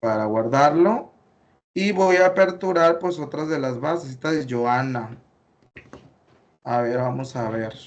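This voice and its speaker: A man's voice: medium pitch, unhurried, pauses often, highs cut off. A man with a Mexican Spanish accent, teaching an online class and going over student work step by step, with many fillers. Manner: explains step by step, corrects patiently, many fillers.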